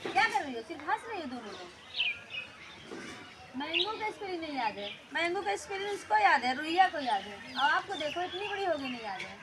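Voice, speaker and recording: A woman's voice: sits high, very animated, a little fast, heavy background noise. A woman playing a teacher who quizzes children on English words, scolding them sternly and repeating her questions. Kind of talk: scolding classroom skit.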